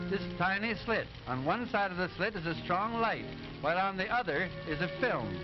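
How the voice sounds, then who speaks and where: In a dull, vintage early-talkie soundtrack with music underneath, a high-voiced cartoon professor patiently lectures pupils on machinery while narrating how sound film works. Every phrase is careful, didactic and clearly enunciated.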